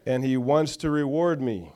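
A man's voice: medium pitch, moderate pace, darkish tone. A man preaching a sermon to a church, reading scripture with call-and-response and chatty asides. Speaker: pastor.

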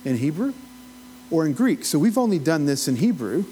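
Man, Appalachian accent, folksy conversational Bible teacher, slightly high voice, noisy recording with a hum. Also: big pitch swings, moderate pace, dark tone. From Appalachia, United States. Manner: folksy, rambling asides, asks the listeners questions. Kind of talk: informal teaching, conversational lecture.

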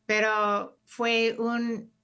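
US-born woman guest, unhurried, soft searching delivery. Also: on the high side, flat delivery. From United States. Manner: gentle, searching for words. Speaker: author and activist guest. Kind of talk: interview answers. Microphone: video call.

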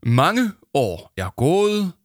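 A man's voice: a little high, big pitch swings, no room sound, clean studio sound, voice pushed up. A man reading a storybook aloud, voicing an awkward, earnest schoolboy who talks stiffly and formally. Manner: nervous, formal.

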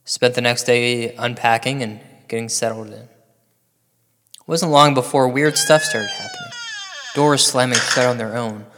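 Drenched in long reverb, a man acts out a paranoid male host of an audio drama about ghosts. He tells his tale like ominous late-night radio, at a middle pitch, rambling between self-pity and dry, dramatic asides. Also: wildly swooping pitch, normal speed, a bit bright. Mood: ominous, wry storytelling.

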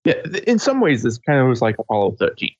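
Man, husky voice, rambles and restarts, muffled lo-fi mic. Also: medium pitch, huge pitch swings, dry recording. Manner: rambling, halting, many restarts. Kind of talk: casual film discussion.

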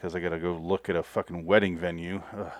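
A man's voice: deep voice, little pitch movement, fast, no echo. A young man hosting a podcast, chatting loosely with frequent restarts and swearing. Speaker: podcast host. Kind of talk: casual chat.

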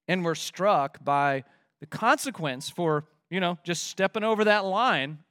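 Male pastor, sermon delivery, high-pitched, emphatic, slows on scripture, close and dry. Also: lively intonation, dry recording. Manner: emphatic, slows down for quoted scripture, drops to a hush for weighty points.

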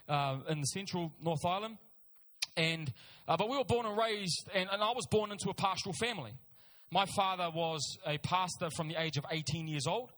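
A high, slightly bright voice belongs to a middle-aged sermon preacher from Auckland, New Zealand accent clear, recorded in a reverberant hall. He shares personal anecdotes, leaning on emphatic repetition and casual asides.

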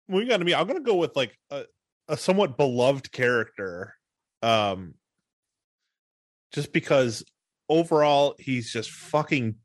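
A man's voice: medium pitch, a bit bright, no room sound, clean studio sound. A man in casual podcast chat, blunt and profane, laughing often.

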